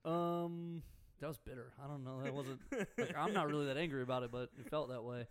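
A young man hosts a local sports radio show in a casual, joking way. His voice sits a little high for a man, and he drifts into banter and asides. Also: fairly even intonation, a little fast, clean tone. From Houston area, Texas.

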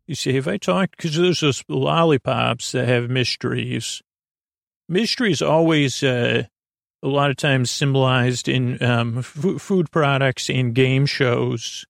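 Softly drifting between tangents, a bedtime podcast host speaks in a very creaky, gravelly voice of medium pitch. His halting, hesitant delivery is soothing and a little whimsical, peppered with fillers and thoughtful pauses, and the very dry recording carries no room sound.

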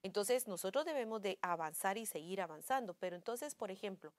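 A woman co-hosts a faith-based talk in a casual, anecdotal way. She often acts out little family conversations and fills her speech with small pauses and fillers. Her voice sits at an ordinary female pitch, recorded close and dry. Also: animated, dry recording.

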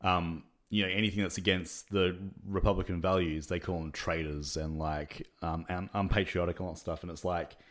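A man's voice: low voice, flat delivery, normal speed, hardly any pauses, a bit bright. A man co-hosting a podcast, talking casually and rambling with lots of fillers and little laughs. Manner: rambling, many fillers, laughs between points. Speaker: podcast co-host. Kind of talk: casual chat.

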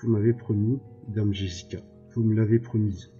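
A cold, calculating advisor, as a man reads him, sly and measured. The tone is dark and low. Faint music sits under slightly dull audio. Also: fairly even intonation, natural voice.

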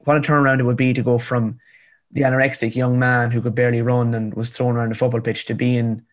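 Quick-paced and level in tone, this medium-pitched male voice belongs to a twenties-aged author from rural County Cavan, Ireland, speaking as an interview guest. He tells his story conversationally in a rural Irish accent, earnest and emphatic, repeating phrases for effect.

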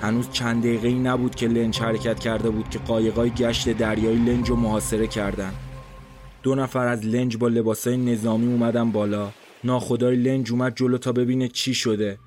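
A man reads a scripted first-person story in a steady, mid-pitched voice, speaking as a tense inner monologue. A loud dramatic music score runs under his narration the whole time. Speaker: narrator and reader.

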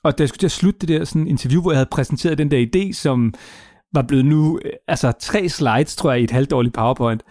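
A man's voice: fairly high pitch, dark tone, dry recording, clean studio sound. A middle-aged man telling a story in casual conversation, chatty, swearing lightly and acting out what people said. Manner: chatty, swears casually, acts out quoted dialogue. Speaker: podcast guest telling his founder story.

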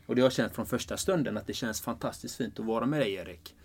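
A man speaking earnestly and enthusiastically as a life purpose coach in a relaxed conversation, often restarting his sentences. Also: medium pitch, breathy edge. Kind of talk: casual conversation.

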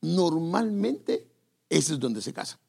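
A man's voice: fairly high pitch, sing-song, takes it slowly, gravelly, a little mellow, breathy edge. A male pastor giving a sermon in a conversational way, speaking straight to his listeners and correcting himself as he goes. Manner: conversational, self-correcting, addresses listeners directly. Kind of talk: sermon on marriage.

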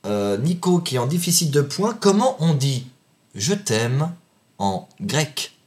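Un jeune homme qui anime un jeu entre amis en tant qu'arbitre, taquin et faussement sévère, riant souvent. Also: male voice, on the high side, very animated, slow pace, a little mellow. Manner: teasing, mock-stern, laughs often. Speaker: game host and referee. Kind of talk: joking quiz banter among friends.

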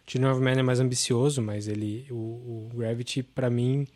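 A man's voice: mid-range voice, little pitch movement, moderate pace, a little mellow. A man, hosting a casual film podcast and talking enthusiastically with lots of fillers. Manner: enthusiastic, rambling, many fillers. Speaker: podcast host.

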